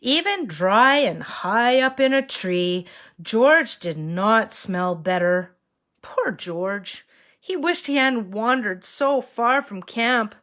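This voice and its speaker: A woman reads a children's picture book aloud as if to a toddler, expressively and with an engaging, questioning manner. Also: fairly high pitch. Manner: reading to a toddler, slow and expressive with questions to young listeners. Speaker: children's story reader.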